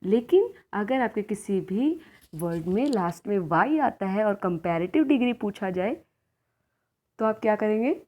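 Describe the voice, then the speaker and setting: A woman teacher explaining a grammar lesson, asking questions and answering them herself, reading rules out slowly. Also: medium pitch, expressive, a little mellow. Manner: asks questions and answers them herself, calls students beta; reads rules slowly and clearly. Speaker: school teacher. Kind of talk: classroom grammar lesson in Hindi-English mix.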